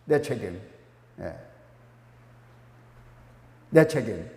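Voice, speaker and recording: A man preaching a sermon as pastor, animated, rising to emphatic peaks and dropping to quiet asides. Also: fairly low pitch, drawn-out words, roomy sound, in a large hall. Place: church sanctuary.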